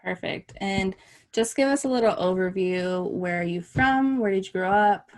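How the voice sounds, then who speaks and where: A woman's voice: mid-range voice, moderate pace. A woman hosting an interview show who asks short, friendly questions. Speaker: podcast host.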